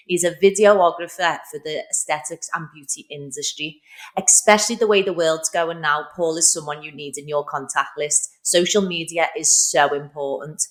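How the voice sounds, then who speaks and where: A woman's voice: low-pitched, a bit bright. A woman hosting a podcast, chatty and asking friendly questions. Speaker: podcast host. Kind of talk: casual interview chat. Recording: roomy echo.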